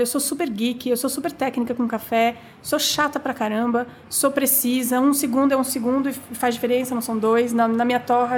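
A middle-aged woman speaks as a guest in a relaxed interview, her voice sitting noticeably high. She tells stories in an animated, chatty way, restarting sentences and filling pauses as she goes. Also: slight background noise. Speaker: guest, coffee business owner. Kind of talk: conversational interview storytelling.

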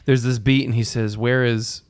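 Guy hosting a movie podcast, smooth clear voice, dry close sound, super into the trivia. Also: medium pitch, level tone, moderate pace, dry recording. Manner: enthusiastic, trivia-sharing. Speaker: podcast host. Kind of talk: casual film discussion.

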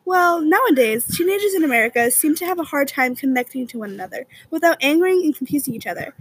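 A young woman as a guest on a scripted mock talk show, speaking earnestly and pausing to find her words. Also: sits high, expressive.

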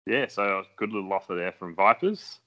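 An easygoing man co-hosts a fantasy football chat and swears casually. His low voice has a bright, forceful edge. The sound is muffled and lo-fi. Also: expressive, fairly quick. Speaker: podcast co-host. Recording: dull lo-fi sound.

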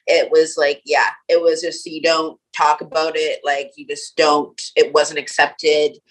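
A Canadian woman from Nova Scotia, appearing as an interview guest, speaks in a low, flat voice at a slightly slow pace. Her casual talk is full of "like" and "um," and she laughs often. The recording quality is rough.

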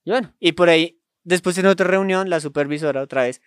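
A Colombian man with a somewhat high-pitched voice tells a rambling, slang-filled story to friends, laughing often. His voice is recorded close and dry, with no room sound. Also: fast talker, clean tone, dry recording. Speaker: podcast storyteller. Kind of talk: casual chat.

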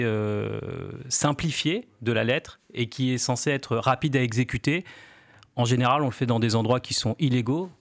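A man in his forties, a graffiti artist guest on a radio show, explaining slowly with many fillers and restarts. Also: medium pitch, no room sound. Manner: hesitant, many fillers and restarts, laughs lightly. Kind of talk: casual radio interview.

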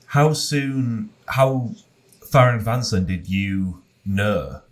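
A man interviewing a guest, asking brief prompting questions and adding quick agreements. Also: on the low side, animated. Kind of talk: casual interview.

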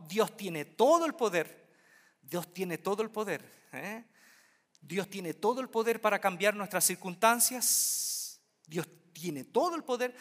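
Bright-voiced preacher in a reverberant hall. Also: male voice, sits high. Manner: repeats key phrases for emphasis, checks in with the congregation. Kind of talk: sermon. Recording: long reverb in a large hall.

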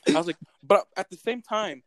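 A young man in casual chat, telling animated stories and swearing constantly. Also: sits high, moderate pace, dry recording. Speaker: podcast co-host.

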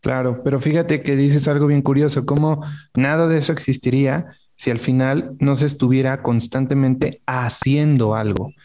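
Mexican guy hosting a podcast, relaxed casual chat, normal mid voice. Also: medium pitch, normal speed. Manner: relaxed, responds and builds on the guest's points. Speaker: podcast host.

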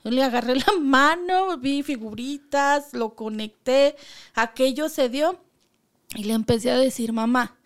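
A woman's voice: high-pitched, a little slow. A woman, a medium guesting on a podcast, telling personal stories and acting out the dialogue. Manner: animated, acts out quoted dialogue. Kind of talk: conversational storytelling.

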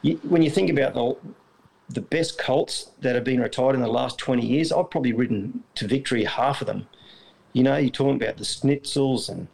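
A man's voice: mid-range voice, brisk, vocal fry, a little mellow, low-quality recording. A middle-aged Australian man, a retired jockey, chatting in an interview with lots of fillers and restarts. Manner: rambling, self-correcting, many fillers. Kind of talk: casual interview.

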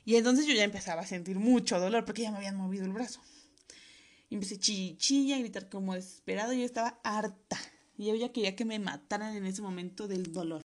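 A woman's voice: mid-range voice, fast talker. A woman with a Mexican accent telling a funny personal anecdote, crude and slangy, full of swearing. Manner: crude, profanity-laced, slangy storytelling.

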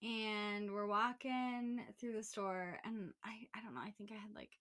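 A young woman in her twenties co-hosts a casual podcast, telling a personal story in a candid, rambling way full of fillers. Her voice is medium-pitched and fairly bright, with a steady, unhurried tone.

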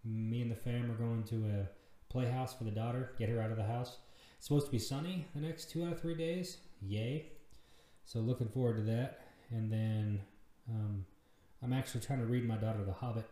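A man's voice: mid-range voice, steady tone, moderate pace, warm tone. A man in his thirties hosting a casual solo podcast, rambling and self-deprecating, swearing freely. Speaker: podcast host. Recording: very echoey room.

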